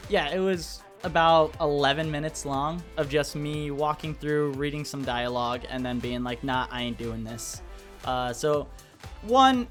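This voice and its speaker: A young man hosting a gaming channel, giving a casual, rambling update with lots of restarts and fillers. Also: on the high side. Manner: rambling, self-correcting, laid-back. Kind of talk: casual update vlog over gameplay. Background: soft background music.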